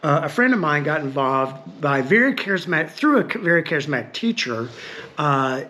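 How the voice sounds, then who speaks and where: A man's voice: fairly high pitch, very animated, moderate pace, pushed and bright. A man, talking frankly in a personal monologue, wry and given to chuckling and digressing. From Northeast Tennessee. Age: 60s. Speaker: podcast host.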